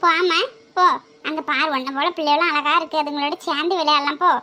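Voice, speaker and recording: A woman's voice: sits high, steady tone, fast talker, sharp tone. A woman playing a fussing, doting mother. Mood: coaxing. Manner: coaxing, fussing and pleading. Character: anxious doting mother leaving her son at school.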